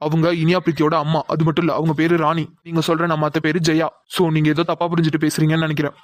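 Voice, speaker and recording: A man's voice: on the high side, completely flat delivery, racing, no echo, natural voice. A man voicing a confused young man in a cartoon, questioning his father. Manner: puzzled, questioning. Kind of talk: cartoon voice acting.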